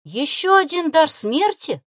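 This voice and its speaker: Woman voicing Marik, a squealing excited boy. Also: high voice, unhurried, no room sound, clean studio sound, voice pushed up, heavily acted. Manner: breathless, squealing with delight. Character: excitable, awestruck young boy, eager and loyal.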